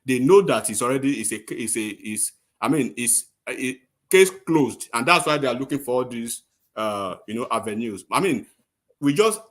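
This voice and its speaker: Guy pushing in on a debate, keeps repeating till he gets heard, mid pitch. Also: animated, normal speed. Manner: insistent, repeats phrases to cut in. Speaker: panelist. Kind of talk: heated panel debate.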